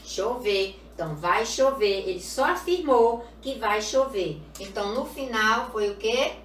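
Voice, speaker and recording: A woman's voice: on the high side, a bit bright, far from the mic, slight background noise. A woman teaching a recorded class to young children, patient and repeating each point with little check-in questions. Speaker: primary school teacher. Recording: echoey room, voice off-mic.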